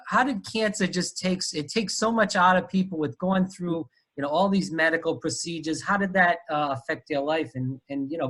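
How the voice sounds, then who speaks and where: A podcast host from Rhode Island, speaking with a Rhode Island accent, runs a casual interview in a chatty style full of fillers. His voice is on the high side with a sharp tone.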